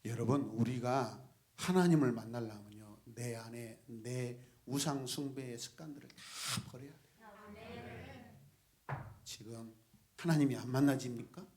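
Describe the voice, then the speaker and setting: A male pastor preaching an animated sermon, shifting between soft asides, laughter and sudden shouts as he calls out to the congregation. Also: medium pitch, measured pace. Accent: Gwangju.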